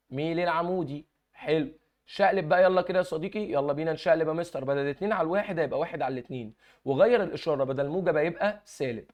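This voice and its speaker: A young man with an Egyptian Arabic accent leads an exam review lesson at a rapid clip. His voice sits somewhat high. He keeps coaxing the viewer along, asking questions and answering them himself. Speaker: math teacher.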